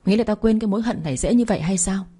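A woman's voice: medium pitch, rapid-fire, slightly rough, lightly acted. A woman voicing a vicious, bitter scheming nurse. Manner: shouting confession, bitter and vicious. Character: spiteful scheming woman nurse, vengeful and cornered.

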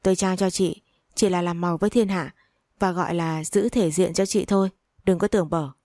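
A woman's voice: lowish voice, fairly even intonation, a little fast, mellow, dry recording, studio quality, natural voice. A woman reading the lines of a greedy, spiteful older mother-in-law who scolds and curses. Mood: cold. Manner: scolding, cursing, sneering.

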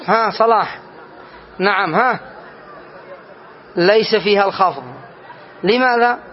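A man's voice: high-pitched, a little slow, some chatter behind. A man teaching a classroom grammar lesson as a sheikh, patiently repeating key points and quizzing his students. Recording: dull lo-fi recording with faint noise.

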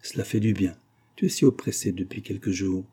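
An elderly, devoted nurse from a storybook soothes and fusses tenderly. A man plays her, lifting his dark, husky voice. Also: medium pitch, moderate pace, pitched above the performer's own voice, natural voice. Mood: fussing. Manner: soothing, fussing. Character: old devoted female nurse, gentle and fussing.

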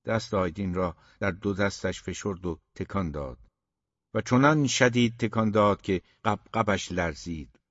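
A man narrating an audiobook in a measured, dramatic reading. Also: fairly low pitch, no echo. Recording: dull, dry studio recording, faint music.

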